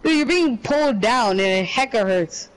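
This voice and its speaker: A man's voice: extremely high pitch, lively intonation, moderate pace, a bit bright, low-quality recording. A young man co-hosting a casual podcast, telling a rambling, slangy story full of profanity. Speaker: podcast co-host. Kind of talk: casual chat.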